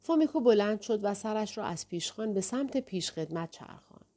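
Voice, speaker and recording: A woman narrating a novel in a calm, steady reading voice. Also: medium pitch. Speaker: audiobook narrator. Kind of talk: scripted narration.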